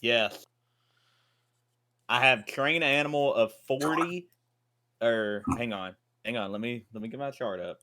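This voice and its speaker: A man's voice: mid-range voice, measured pace, long pauses, noisy background. A man playing in a tabletop game, eager and casual, cursing now and then. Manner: eager, restless, swears casually. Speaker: player.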